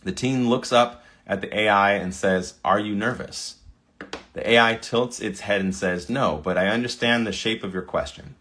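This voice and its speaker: Low-voiced man reading prompts aloud. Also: normal speed, fairly bright tone. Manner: reads prompts aloud, stumbles over words, laughs. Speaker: video creator. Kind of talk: casual screen-recording commentary.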